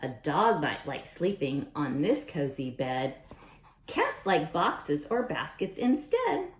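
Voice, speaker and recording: A woman with a low voice reads aloud slowly and in a sing-song way at a storytime for young children, often asking questions and repeating lines. The recording sounds roomy and echoing.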